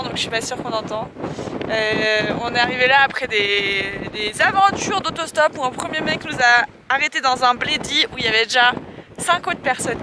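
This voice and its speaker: A woman chatting casually and enthusiastically as she narrates a travel vlog outdoors in a windy high desert. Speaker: travel vlogger. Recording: heavy wind noise on the mic.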